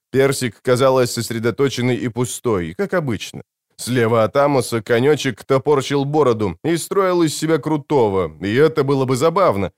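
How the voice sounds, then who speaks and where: A man narrating an audiobook with an expressive reading of a science-fiction novel. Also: mid-range voice, no echo, studio quality.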